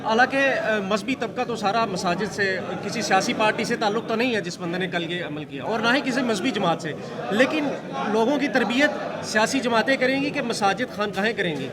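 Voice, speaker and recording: A male reporter puts earnest, halting questions to a guest outdoors, pausing as he searches for words. His voice is high, and a busy crowd murmurs clearly behind him in the city street.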